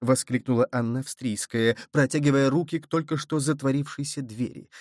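A man narrating a novel in a measured, dramatic reading. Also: mid-range voice, fairly even intonation, no room sound, studio quality. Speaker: audiobook narrator.

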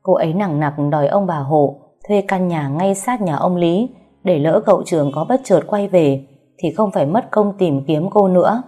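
Female storyteller, steady and even; warm, lowish voice. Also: normal speed, soft background music. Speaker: narrator. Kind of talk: story narration.

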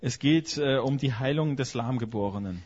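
A husky man of middle pitch interprets a sermon line by line, stumbling over fillers and restarting his sentences. The sound is muffled and lo-fi, like a church sound system recording. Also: moderate pace, a little mellow. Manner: hesitant, frequent fillers and self-corrections.

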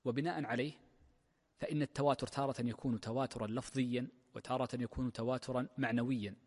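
A man, a sheikh, giving a classical lecture on a text of legal theory, explaining step by step with drawn-out fillers. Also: mid-range voice, fairly even intonation, a little mellow. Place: large mosque hall. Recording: long mosque-hall reverb.

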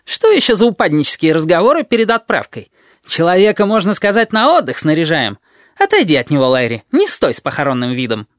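A man voicing an excitable, chattering teenage boy who is fussy and bossy in an audiobook. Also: high voice, dry recording, studio quality, pitched above the performer's own voice. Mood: indignant. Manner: fussy, bossy, quick to object.

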